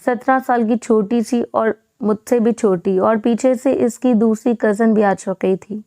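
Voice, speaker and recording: A woman's voice: a little high, steady tone, mellow, no echo, close to an everyday voice. A woman reading the lines of a playful young female cousin who teases the bride. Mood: teasing. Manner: teasing.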